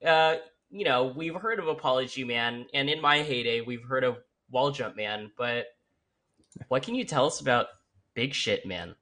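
A man hosting a casual podcast chat, upbeat with quick interjections. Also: mid-range voice, pushed and bright. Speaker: podcast host.

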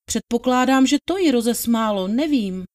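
A woman reads the part of a deferential young housemaid testifying as a witness in a dramatized trial, giving plain, polite answers. Her voice is on the high side, animated and slightly mellow, close to how she'd normally speak.

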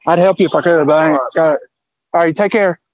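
A man's slightly high voice comes through a phone on speakerphone as he joins a casual podcast chat. He talks fast and loose, with slangy, offhand phrasing. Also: no echo, poor audio. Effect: heard over a phone on speakerphone. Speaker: podcast co-host.

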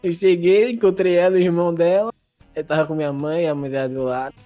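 A man with a Brazilian accent telling a story in a casual chat, animated and laughing as he acts out the people in it. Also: fairly high pitch, fast, soft background music. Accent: Brazilian Portuguese.

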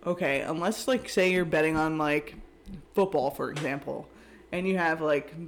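A man's voice: high-pitched, a little hiss or hum. A man co-hosting a casual podcast, rambling and joking, swearing freely. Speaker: podcast co-host. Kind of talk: casual chat.

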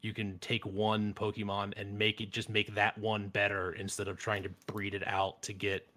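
A man's voice: on the low side, completely flat delivery, normal speed, bright, forceful tone. A man in his thirties hosting a casual gaming chat, blunt and opinionated, rambling with restarts. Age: 30s. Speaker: podcast host.

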